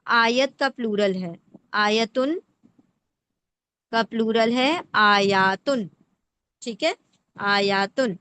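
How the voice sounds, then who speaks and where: A woman with a smooth, sharp-toned, slightly high voice that pauses often leads a patient explanatory lesson on the Quran. She takes it word by word, dividing words into parts, and repeatedly checks in with rhetorical questions.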